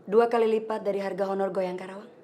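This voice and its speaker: A woman's voice: mid-range voice, steady tone, fast talker, dark tone, lightly acted. An actress playing a young female dancer who bargains bluntly and insistently with her boss, in film dialogue. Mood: demanding. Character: demanding young female dancer making terms.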